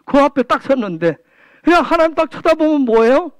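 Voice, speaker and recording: A man's voice: very high voice, very animated, fairly quick, dry recording. A male pastor preaching a sermon, firing off rhetorical questions at the congregation and repeating key phrases for emphasis. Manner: keeps asking rhetorical questions and prompting the congregation with "응?".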